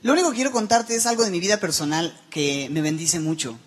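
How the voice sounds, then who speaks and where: A young pastor preaching a sermon. His voice sits a little high for a man. He talks in a loose, chatty way and cracks jokes at his own expense. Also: quick pace. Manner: joking, conversational, self-deprecating.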